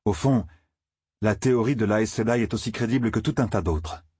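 A man's voice: lowish voice, brisk, darkish tone, slightly rough, dry recording, studio quality. A man voicing a troubled, earnest young farm man in a storybook reading. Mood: uneasy.

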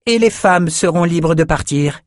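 A man's voice: fairly high pitch, a little slow, dry recording, clean studio sound, voice pushed up, lightly acted. A man voicing a vengeful young sorceress, cold and unyielding, in an audiobook reading. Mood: menacing.

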